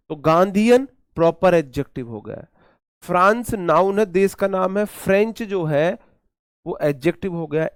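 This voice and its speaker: A man's voice: fairly high pitch, no echo, clean studio sound. A man with an Indian accent teaching an exam-prep English grammar lesson, repeating key points and quizzing his students.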